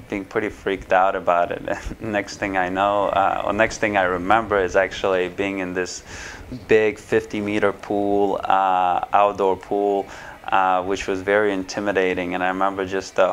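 A Ukrainian man in his thirties who owns a swim school answers interview questions to camera from a small indoor office. His voice is low and flat, and he hesitates a lot, with many fillers and restarts. He is seated and framed at chest height, with slight background noise.

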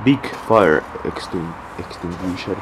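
A deep-voiced man with a Finnish accent picks his way through an abandoned house, speaking English slowly and haltingly. His words come in stops and restarts as he thinks aloud. The handheld recording carries steady background noise. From Finland. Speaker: urban explorer. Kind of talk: casual exploration vlog. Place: abandoned house and garage, indoors. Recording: noisy handheld field recording.

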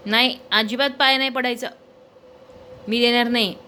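A woman's voice: fairly high pitch, fairly even intonation, normal speed, bright, forceful tone, slight background noise. A woman chatting casually to her pet dog, coaxing and teasing it with repeated questions. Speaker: pet owner vlogger.

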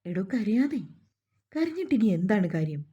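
A woman voicing a calm, kindly young man who speaks in a gentle, reassuring way, in a storybook reading on a dull lo-fi recording. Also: medium pitch, moderate pace, breathy edge.

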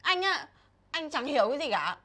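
A woman playing a high, bright, cheeky little sister. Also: big pitch swings, brisk, exaggerated voice. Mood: annoyed. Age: young adult. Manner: pert, talking back. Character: cheeky young woman, younger sister in love. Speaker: younger sister. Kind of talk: comedic short-film acting.

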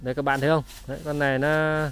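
A man's voice: a little high, flat delivery, very fast, music in the background. A man hosting a farm video, talking casually to his viewers while showing off horses. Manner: chatty, addresses viewers directly, urges horse loudly. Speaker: channel host showing horses.

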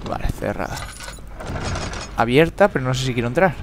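A man's voice: mid-range voice, expressive, brisk, very noisy. A man giving frantic horror game commentary, swearing a lot and repeating words in panic. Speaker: gamer.

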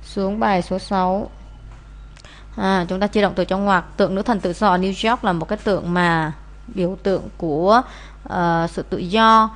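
A woman's voice: mid-range voice, moderate pace. A woman, teaching as she explains answers to an English test, with many "à" fillers. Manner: frequent "à" fillers, steady explaining.

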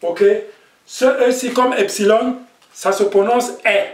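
A patient male teacher with a fairly high voice, talking slowly through a vocabulary lesson and checking in often. He is picked up from across an echoey room. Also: steady tone. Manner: patient, repeats words and checks with "ok?". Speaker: language teacher. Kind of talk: classroom language lesson. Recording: echoey room, distant mic.

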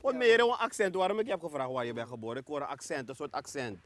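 A man's voice: a little high, big pitch swings, fast, a crowd in the background. Een Surinaamse man met een Surinaams-Nederlands accent presenteert een luchtige bankgesprek-talkshow en stelt plagerig vragen. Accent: Surinamese Dutch. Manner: teasing, playful questioning. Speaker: talk show host. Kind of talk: casual couch interview.

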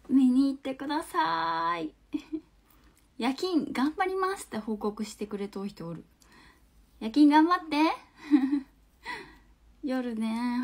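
A young woman in her twenties speaks in a bright, high voice with a Hakata dialect. She chats loosely on a phone livestream, reads out viewer comments, laughs easily, and sometimes sinks into soft, near-whispered asides. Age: 20s. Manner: chatty, laughs often, trails into soft murmurs. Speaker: livestream host. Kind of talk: casual livestream chat reading viewer comments.

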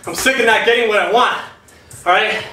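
A man coaching a home kickboxing workout, energetic and encouraging, calling out moves while out of breath. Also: high voice, brisk, a little hiss or hum. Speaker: fitness instructor. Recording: echoey room from far off, music behind.

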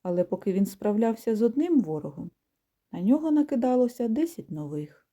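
A woman reading a children's storybook aloud in a calm, measured, gently expressive way. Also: fairly high pitch. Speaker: audiobook reader. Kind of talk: storybook narration.

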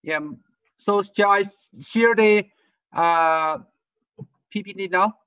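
A man's voice: high voice, takes it slowly, clean tone, no room sound, far from the mic. A man from Tibet giving an online lecture on birding tours, hesitant, with many fillers and restarts, heard over a video call. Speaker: guest speaker on birding tours. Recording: tinny video call audio, set back from the mic.

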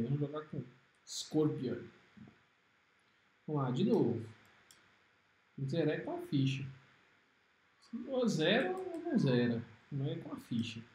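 A man with a Brazilian Portuguese accent giving excitable, trash-talking commentary while streaming a fighting game. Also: fairly high pitch, roomy sound. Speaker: gaming streamer. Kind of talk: live gameplay commentary.

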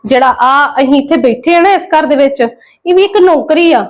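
A woman's voice: high voice, expressive, normal speed. A woman playing a kindly, preachy lady of the house. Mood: soothing. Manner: soothing, gently scolding, preachy. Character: kindly middle-aged woman, head of the household. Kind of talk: family drama skit.

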